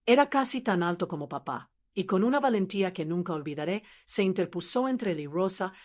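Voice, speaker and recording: A woman's voice: medium pitch, a little mellow. A woman telling a scripted first-person family drama in a dramatic storytelling delivery.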